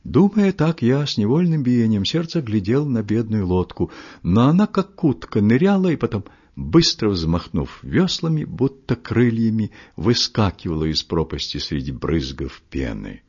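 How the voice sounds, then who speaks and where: A man reading a literary story aloud in a measured, expressive storytelling manner, his voice husky. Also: fairly low pitch. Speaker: audiobook reader. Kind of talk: literary audiobook narration. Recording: muffled lo-fi recording.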